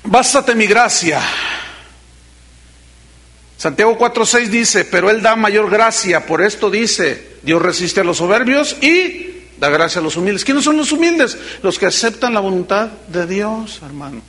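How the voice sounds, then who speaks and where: High-voiced pastor preaching animatedly. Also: male voice, a little slow. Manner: animated preaching with quoted voices and sudden soft drops. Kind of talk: sermon.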